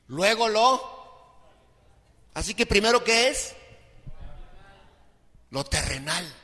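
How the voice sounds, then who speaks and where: A man preaching a sermon as pastor, pleading with his listeners, dropping low and quiet and then rising to shouted appeals. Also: big-room sound. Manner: impassioned preaching, swinging from soft to shouted pleading.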